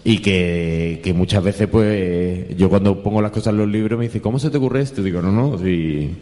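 A man's voice: low-pitched, moderate pace, warm tone. A man, a journalist and humor writer, telling funny anecdotes and acting out the people in them with changed voices. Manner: acts out the people in his stories with changed voices. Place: talk event in a hall. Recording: reverberant hall sound.

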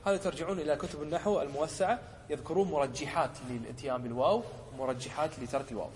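A man, a sheikh teaching a lesson, who explains a poem, often checks whether his students follow, and slows down to quote examples. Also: on the high side, in a large hall, a little hiss or hum. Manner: asks the class short checking questions. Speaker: sheikh teaching Arabic rhetoric.

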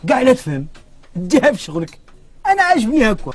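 An actor playing an evasive Moroccan shopkeeper who answers with proverbs in film dialogue. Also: male voice, extremely high pitch, huge pitch swings, fast talker, slightly rough, exaggerated voice. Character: secretive male shopkeeper, stubborn and cagey.

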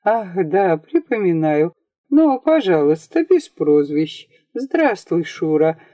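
A woman voicing a gentle, kindly noblewoman mother in an audiobook, speaking softly and calmly. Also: on the low side, slow pace, no echo. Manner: soft, calm, gently reserved.

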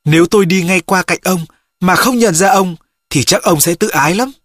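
Steady, dry audiobook narrator. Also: mid-range voice, moderate pace, dry recording. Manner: steady first-person storytelling.

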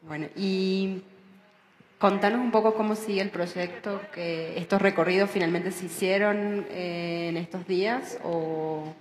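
A lower-voiced Colombian woman prompts the guest with short questions during a casual radio chat. She sits away from the mic in an echoey hall, with faint room noise behind her. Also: fairly even intonation, measured pace. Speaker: radio co-host.

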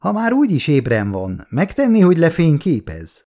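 A man's voice: fairly high pitch, huge pitch swings, dark tone, pitched above the performer's own voice. A man voicing a nervous, awkward middle-aged male chemical engineer and father in an audiobook, with eager, fretful questions. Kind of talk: audiobook character voice.

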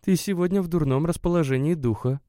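A man reading aloud voices a gentle, pleading young woman visitor in a spoken story. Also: fairly high pitch, fast talker, dry recording, studio quality, voice pushed up, lightly acted. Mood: coaxing. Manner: soft, pleading, lilting.

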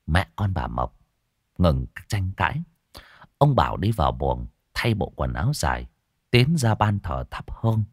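Give me a low-voiced male narrator, telling a story in a dry, close voice. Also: big pitch swings, a little slow, no room sound. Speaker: audiobook narrator.

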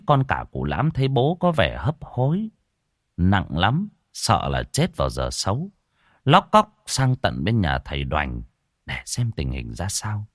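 Lively storyteller man. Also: low voice, breathy edge, dry recording, clean studio sound. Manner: lively, colloquial, earthy. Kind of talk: spoken story narration.

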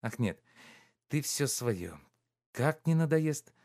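A man's voice: mid-range voice, takes it slowly, voice pushed up. A man reading aloud and voicing a carefree, teasing young woman in an audiobook. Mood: playful. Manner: lively, teasing, coaxing.

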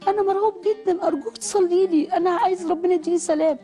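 A woman's voice: very high-pitched, rapid-fire, mellow, pitched above the performer's own voice. A woman with an Egyptian accent voicing a frightened young boy who pleads for prayer. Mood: scared. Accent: Egyptian Arabic.

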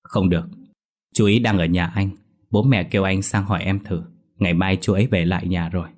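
A man's voice: deep voice, steady tone, a little fast, a little mellow. A man reading a cowardly, deceitful young villager. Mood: coaxing.

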